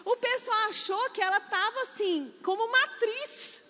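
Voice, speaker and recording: A woman with a Brazilian accent preaching in church, telling a personal story with lively acted-out quotes. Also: very high voice, normal speed. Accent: Brazilian Portuguese. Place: church hall. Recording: long church hall reverb.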